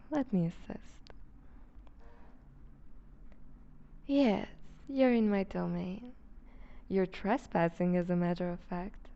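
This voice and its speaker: A woman playing a seductive, predatory vampire duchess in an intimate ASMR roleplay, refined, teasing and condescending, with a breathy voice that slips toward a whisper. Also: medium pitch, dull audio. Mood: teasing, falsely kind. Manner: refined, teasing, condescending, deliberate formal diction.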